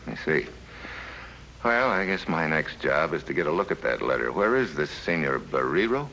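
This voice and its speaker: An actor playing a tough, terse American special agent in a 1950s radio drama. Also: male voice, very deep voice, sing-song, normal speed, sharp tone, a little hiss or hum, exaggerated voice, rough recording. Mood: wry. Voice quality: terse, wry.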